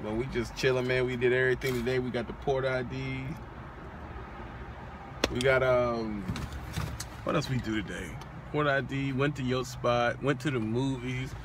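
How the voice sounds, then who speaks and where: Young guy bragging in a parked car, slangy and laid back, loud street noise outside, phone cam. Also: mid-range voice, steady tone, normal speed. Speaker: vlogger, aspiring trucker. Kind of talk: casual chat. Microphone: phone camera on the dashboard. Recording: outdoor traffic noise in a car.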